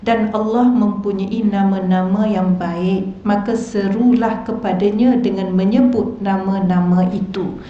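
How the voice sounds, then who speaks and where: A woman religious teacher with a Malaysian Malay accent gives a lecture in a mosque hall, putting rhetorical questions to her audience. Her voice is medium-pitched, steady and measured, and the echoey, dull lo-fi recording carries a little hiss or hum.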